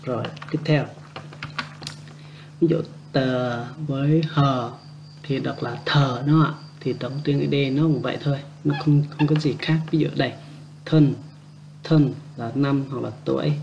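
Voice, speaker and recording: A man giving a casual spoken language lesson, repeating example words slowly and adding chatty, joking asides. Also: mid-range voice, steady tone, creaky, a little mellow, lo-fi sound, a little hiss or hum. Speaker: language teacher.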